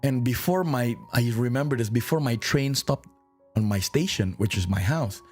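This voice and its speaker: A man with an Indonesian accent and a husky, breathy voice tells an earnest motivational story to his vlog audience. He mixes English with Indonesian phrases, and soft music plays underneath. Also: mid-range voice, moderate pace. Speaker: vlogger.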